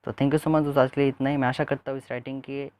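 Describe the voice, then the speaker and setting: A man walks his viewers through a book as a literature lesson. He calls them friends, restates each point and fills gaps with hesitant sounds, at a middling pitch. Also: little pitch movement, fast, darkish tone. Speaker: literature teacher.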